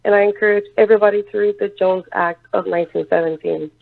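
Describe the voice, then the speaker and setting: A woman's voice: medium pitch, fairly even intonation, vocal fry. Earnest woman caller on a tinny phone line. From Puerto Rico. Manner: earnest, halting, with many fillers. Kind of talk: call-in radio comment.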